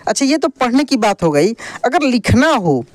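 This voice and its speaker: A woman teaching a Hindi reading lesson, explaining slowly, asking rhetorical questions and repeating the answers. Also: fairly high pitch, very animated, dry recording. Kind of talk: classroom lesson.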